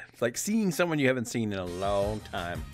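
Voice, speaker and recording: A man's voice: fairly low pitch, big pitch swings, moderate pace. A man streaming a game with casual, informal, sweary commentary. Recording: game music behind voice.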